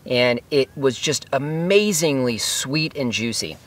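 Expressive and unhurried, a medium-pitched male vlogger strolls his orchard outdoors, presenting his fruit trees to the camera. The tone is casual and eager, and he sometimes eats mid-sentence.

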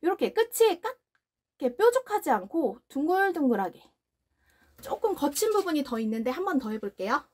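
Young woman, high bright voice, very animated pitch, casual pet product demo, coos to her dog. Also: fairly quick, slight background noise. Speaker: dog owner demonstrating pet grooming product.

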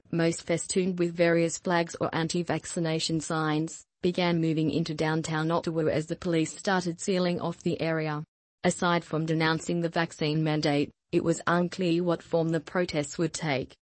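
A female newsreader delivers a scripted report in a low, steady voice with hardly any rise and fall. The voice-over is dry and close-miked, with no echo.

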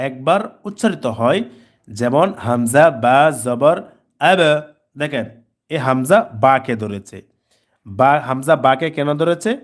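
A man teaching Quran reading, spelling out syllables slowly, repeating them and answering his own questions. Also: fairly high pitch. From Bangladesh. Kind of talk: spelling-out recitation lesson.

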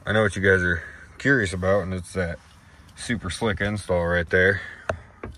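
A man's voice: low-pitched, steady tone, moderate pace, pushed and bright. A man giving a casual walkaround tour of his farm truck outdoors, listing tools with many hesitations, recorded on a handheld phone. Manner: rambling, listing items with many "uh"s. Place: outdoors by a pickup truck, phone camera in hand. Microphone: handheld phone camera. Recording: noisy outdoor phone audio.

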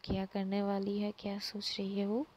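A woman's voice: completely flat delivery, normal speed, a little mellow, a little hiss or hum. A woman casually retelling a romance episode by episode, acting out the characters' quoted lines. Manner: retells a love story, acting out quoted lines with rising pitch. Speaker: storyteller. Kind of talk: casual storytelling narration with quoted dialogue.

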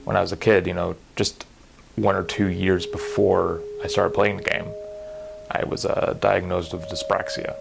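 A young man speaking candidly and in a measured way to camera from his bedroom. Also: low-pitched, little pitch movement, gravelly. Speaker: gamer interviewee. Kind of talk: personal testimony to camera. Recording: noisy room with hum.

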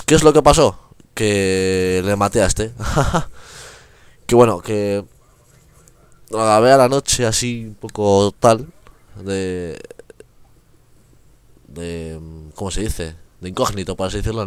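A young man talks his viewers through a shooter match in a relaxed, rambling way. His voice sits a little low and sounds clean and smooth. The recording is close and dry. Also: unhurried, long pauses, no room sound. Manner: chatty, rambling, laughs often. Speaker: gaming youtuber. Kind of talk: casual gameplay commentary.

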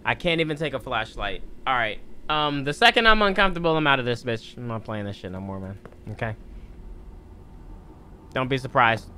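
Animated, slangy young male game streamer. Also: medium pitch, a little fast, smooth. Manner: slangy, swearing, repeats himself. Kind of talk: casual live game commentary. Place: indoors at a streaming setup. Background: game music.

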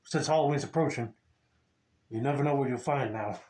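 A man's voice: mid-range voice, brisk, darkish tone. A young man hosting a casual mask review vlog, talking in a rambling, folksy way through a face mask. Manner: rambling, folksy, chuckling between remarks. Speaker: host of a mask review channel.

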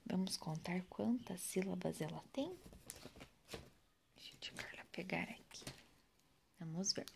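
A woman's voice: lowish voice, expressive, a little slow, vocal fry, background noise. A woman, a primary school teacher with a Brazilian Portuguese accent, giving a remote lesson to children in a patient, sing-song teaching voice.

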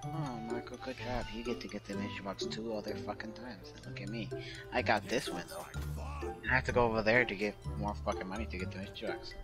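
A man's voice: lowish voice, fairly even intonation, fast talker. A young man co-playing a game with a friend, swearing, bickering and sarcastic, with game music behind him. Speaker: co-player. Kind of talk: casual gameplay chat with a friend.

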